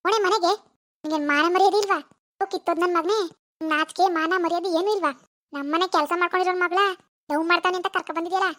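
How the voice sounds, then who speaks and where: An actor voices a furious rural mother in a village cartoon, sharp-tongued and quick to insult. The voice sits very high and races along. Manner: scolding, hurling insults. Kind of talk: animated village drama.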